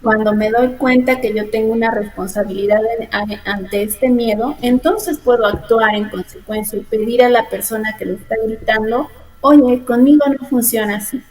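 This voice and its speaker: An adult woman, a therapist giving measured, reflective interview answers that slow down to stress key points. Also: on the high side, fairly even intonation, a little mellow, poor audio. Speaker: logotherapist and thanatologist guest. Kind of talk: calm explanatory interview answers.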